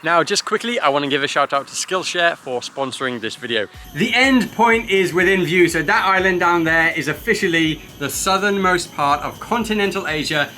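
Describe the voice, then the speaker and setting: A man's voice: a little high, moderate pace, hardly any pauses, bright, forceful tone, slight background noise. A young man vlogging his travels outdoors, chatty and teasing, talking into a handheld camera. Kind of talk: casual vlog narration. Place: outdoors and in a cable car.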